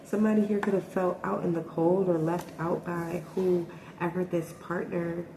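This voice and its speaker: Woman, lowish mellow voice, hesitant tarot reader, roomy echo with faint hiss. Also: little pitch movement, normal speed. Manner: hesitant, thinking aloud with many ums and likes. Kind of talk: casual tarot reading. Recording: echoey room with faint noise.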